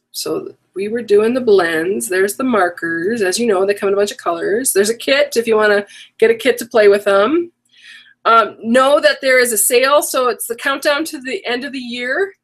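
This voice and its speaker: Hosting an online craft workshop over a casual live-stream, a middle-aged woman rambles, chats, and corrects herself. Her voice sits in the mid range with a fairly bright tone, though it's worn from a cold that's coming on.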